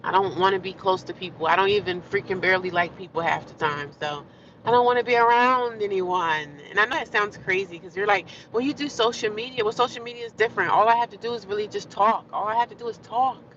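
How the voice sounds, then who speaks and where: Driving and talking into her phone, a woman livestreams to her viewers, venting bluntly and rambling as she circles back to the same points again and again. Her medium-pitched voice is fast, bright, and tense, the audio muffled over a faint hum of road noise.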